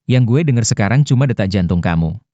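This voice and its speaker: An actor dubbing a cocky, vain young rich boss in a drama series, talking in a smug, teasing way. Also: male voice, lowish voice, animated, fast, mellow, dry recording, lo-fi sound, natural voice. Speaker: dub actor. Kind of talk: Indonesian dub of a drama series.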